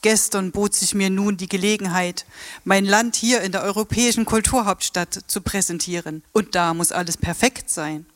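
A woman's voice: mid-range voice, moderate pace, no room sound, natural voice. An actress playing a polite, formal Japanese woman tour guide in a radio play.

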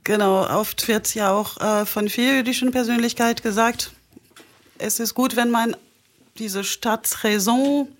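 A woman's voice: a little high, fairly even intonation, unhurried. A woman hosting a studio interview, asking questions in a conversational, slightly hesitant way. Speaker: host.

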